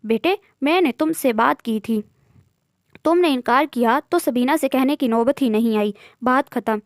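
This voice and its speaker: A woman's voice: high voice, moderate pace, no echo, clean studio sound. A woman narrator voicing Amma, a busy, offhand middle-aged mother. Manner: offhand, matter-of-fact.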